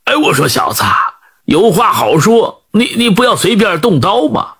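A man's voice: sits high, big pitch swings, moderate pace, fairly bright tone, breathy edge, exaggerated voice. A man voicing a boastful old male sea turtle who speaks in a smug, self-important drawl. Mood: pleading.

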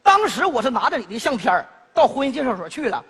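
A man's voice: extremely high pitch, sing-song, fast talker, pushed and bright, breathy edge, big-room sound, full character voice. An actor playing a well-off city man who placates his pushy cousin, exasperated and often laughing, in a Northeast Chinese accent. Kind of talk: comedy sketch dialogue.

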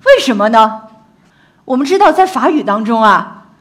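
A woman scientist giving a public talk on infant language learning in a lively, engaging way, often putting questions to the audience. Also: on the high side, moderate pace.

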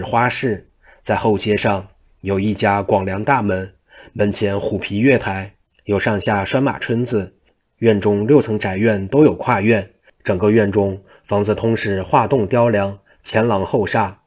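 A man narrating a traditional story in a lively, vivid way. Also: lowish voice.

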